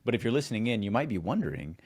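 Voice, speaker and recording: A lower-voiced man co-hosting a podcast, relaxed in banter but brisk and upbeat when reading the promo. He sounds like a practiced announcer reading a guest bio. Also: husky. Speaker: podcast co-host. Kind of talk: casual chat and read-out show promo.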